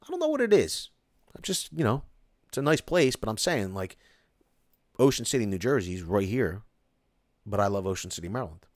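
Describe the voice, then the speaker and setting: In a lowish voice that runs fairly quick yet leaves long pauses, a man reads viewer comments on his live stream, rambling excitably with many restarts and "like"s. A close mic at home gives dry, studio-quality audio.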